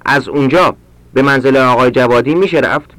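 A man reading short practice sentences aloud for language learners, slowly and with careful enunciation. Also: medium pitch, fairly bright tone, no room sound. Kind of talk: read-aloud Persian drill sentences for learners.

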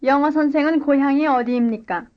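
Woman saying lesson sentences nice and clear, high voice, muffled old tape. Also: brisk. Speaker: language course speaker. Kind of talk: scripted language-lesson dialogue and drill responses.

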